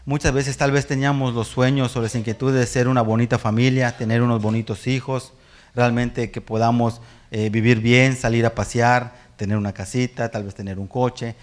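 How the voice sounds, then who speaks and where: A man preaching with a Mexican accent, his voice sitting at an ordinary middle pitch. He tells stories about his family in an animated way, laughs often, and acts out what his son said. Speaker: pastor. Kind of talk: sermon with personal storytelling.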